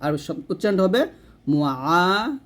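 Man, fairly high voice, patient teacher, repeats and stretches words. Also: sing-song, measured pace, a bit bright. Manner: explains patiently, repeats words, draws out recited syllables. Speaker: Quran recitation teacher. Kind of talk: casual spoken lesson with slow recitation examples.

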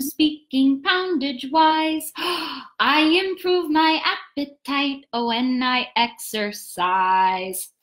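A woman putting on a soft-hearted male teddy bear from a storybook, dim but sweet. He drawls his words slowly and sings in a lilting, ponderous way. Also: fairly high pitch, reverberant, lightly acted. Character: slow gentle male teddy bear, simple-minded.

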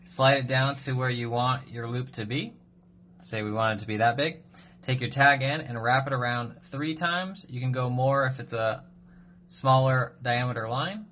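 A man's voice: medium pitch, a bit bright, slight background noise. Upbeat man teaching fishing knots. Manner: upbeat, brisk instructional. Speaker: fishing knot instructor. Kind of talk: step-by-step tutorial. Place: indoors at a kitchen sink.

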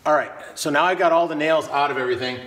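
A fast-talking man in his thirties with a fairly bright, slightly high voice films his casual DIY vlog on a handheld camera at arm's length. He's building things in a large metal barn, hot and sweaty, chatting as he works and joking at his own expense as a homestead vlogger.

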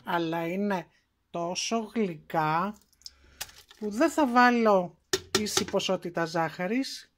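A woman with a Greek accent talks through a recipe in her home kitchen, calm and methodical. Her voice sits at a middle pitch. A faint hum of room noise runs under her words. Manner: calm step-by-step explaining. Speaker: cooking show host. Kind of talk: home cooking demonstration.

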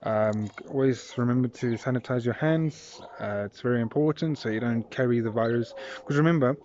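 This daily vlog shows a young South African man in his twenties talking casually outdoors in a residential yard, phone held at arm's length, as he rambles amiably with many fillers. He has a mid-range, darkish voice at normal speed, and the slightly dull phone recording carries some slight background noise.

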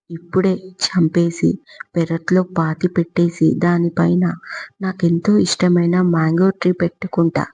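A woman's voice: lowish voice, warm tone, breathy edge. A woman voicing a bold, cheeky young wife who talks back sassily, on a dull lo-fi recording. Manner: sassy, mixes English words.

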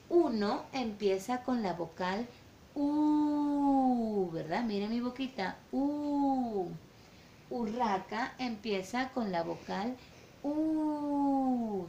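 A woman teaching an online lesson to small children, asking slow sing-song questions and stretching her vowels. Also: mid-range voice, gravelly, mellow, reverberant, slight background noise. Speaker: preschool teacher.

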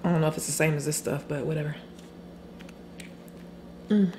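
A woman's voice: low-pitched, fairly even intonation. Woman, mukbang vlogger, casual eating chat, chews and hums between lines, echoey room, faint noise. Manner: chatty and candid, pausing to chew and hum over food.

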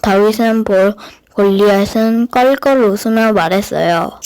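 A woman's voice: mid-range voice, a little slow, darkish tone, clear, resonant tone, rough recording. A woman narrating a scripted Bible story for children.

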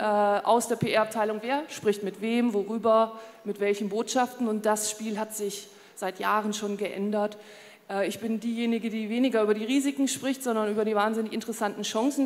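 A woman in her fifties speaking on a conference panel with a handheld mic, measured and with many hesitation fillers. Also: fairly high pitch. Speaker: panelist, communications head. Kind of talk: panel discussion. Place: conference stage in a large hall. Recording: long reverb of event hall.

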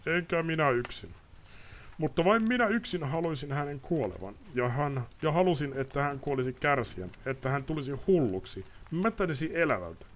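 A raging, panicky nobleman, put on by a male storyteller who shouts and pleads far above his usual pitch, loud and strained, swinging wildly in tone. It is a storybook reading, bold and theatrical. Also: lively intonation. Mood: bitter.

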